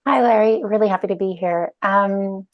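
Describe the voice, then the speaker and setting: A woman's voice: mid-range voice, moderate pace, lo-fi sound. A woman in her thirties, a guest on a video-call interview, talking casually with many fillers and restarts. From Ireland and Canada. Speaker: guest, UX director and author. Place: bright room at home. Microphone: earphone mic on video call.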